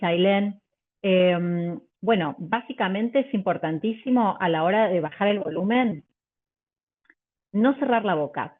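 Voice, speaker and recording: A woman vocal coach, teaching a live online workshop, full of fillers and restarts and demonstrating pitch and volume changes. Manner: hesitant, many fillers and restarts. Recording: tinny phone-like audio.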